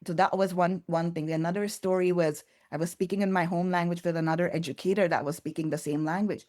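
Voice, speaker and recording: Interviewed on a podcast, an early childhood curriculum developer speaks thoughtfully and earnestly, sometimes restarting words while she searches for them. Her voice is on the low side, steady, fast and darkish.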